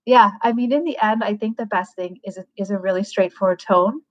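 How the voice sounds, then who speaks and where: A woman hosting a livecast, giving frank, casual advice and thinking aloud with plenty of fillers. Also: mid-range voice. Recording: dull lo-fi livecast audio.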